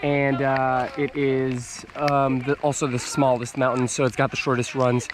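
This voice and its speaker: A man's voice: mid-range voice, flat delivery, unhurried, a little hiss or hum. An American man chatting casually to camera as a snowboarding vlogger, with slangy frat-bro talk that hypes up his buddy. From United States, Northern Virginia. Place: mostly outdoors on a rainy ski slope.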